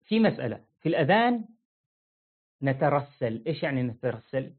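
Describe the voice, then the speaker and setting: A man's voice: mid-range voice, sing-song, brisk. A man giving an informal religious lesson, explaining plainly and demonstrating how phrases are chanted. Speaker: religious teacher. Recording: phone-like narrow audio.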